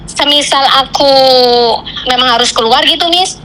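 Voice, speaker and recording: A woman on a phone call, venting about her job in rushed, broken sentences. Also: high-pitched, background noise. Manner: venting, tells a story in rushed fragments with Javanese fillers. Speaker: caller, migrant domestic worker. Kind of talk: casual chat.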